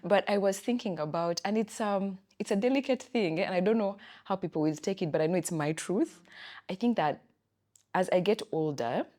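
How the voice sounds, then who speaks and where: A woman's voice: medium pitch, normal speed. A woman around thirty with a Ugandan English accent, co-hosting a casual chat podcast and talking reflectively about her feelings. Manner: reflective, animated storytelling with quoted inner thoughts. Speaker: podcast co-host.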